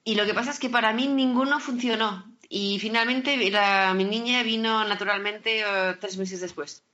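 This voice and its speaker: A woman speaks as a guest in a relaxed conversational interview, in a language that is not her native one. Her voice is medium-pitched and bright, with hesitant phrasing as she hunts for words. The recording is a little lo-fi. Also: moderate pace. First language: not Spanish. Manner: hesitant, searching for words in Spanish. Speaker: podcast guest.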